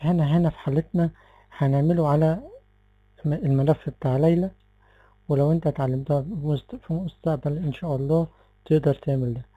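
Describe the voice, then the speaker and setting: A man with an Egyptian Arabic accent gives a relaxed software tutorial, explaining step by step and often stopping to correct himself. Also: a little high, fast, no echo, phone-quality sound. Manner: relaxed, explanatory, with frequent fillers and self-corrections. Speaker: tech tutorial presenter. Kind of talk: screen-recorded software tutorial.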